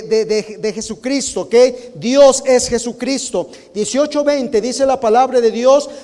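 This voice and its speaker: A man's voice: extremely high pitch, darkish tone, in a large hall. A man, a guest missionary, teaching a Sunday school Bible lesson, earnest and nervous, often stumbling and repeating words. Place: church sanctuary.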